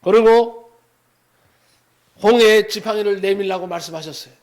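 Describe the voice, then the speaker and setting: Male pastor, high-pitched, dramatic sermon delivery with sharp swings in volume. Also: normal speed. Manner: dramatic preaching, swings from loud exhortation to hushed asides.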